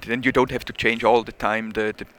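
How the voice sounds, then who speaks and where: This non-native English speaker from Switzerland, Swiss-accented, stumbles through a casual trade-show interview about his product, full of fillers and restarts. He talks a little fast in a flat, mid-range voice with a slightly bright edge.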